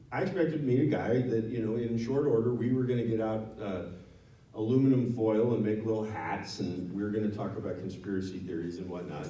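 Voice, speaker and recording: A man's voice: medium pitch, mellow. Man telling a story in an echoey hall. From Nevada. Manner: conversational, frank, self-correcting. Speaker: guest speaker. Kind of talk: storytelling talk to an audience. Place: town hall meeting room. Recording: echoey room from far off.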